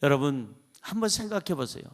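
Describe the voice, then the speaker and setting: High voiced guy preaching a sermon, gets loud then goes all quiet, keeps asking the crowd questions. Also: brisk. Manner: animated, swings between loud emphasis and soft asides; asks the congregation rhetorical questions. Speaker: pastor.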